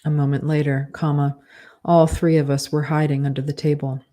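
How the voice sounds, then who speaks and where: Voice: mid-range voice, little pitch movement, normal speed, dark tone. An author dictating a novel aloud, speaking each punctuation mark and saying "undo" to fix slips. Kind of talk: slow dictation with spoken punctuation.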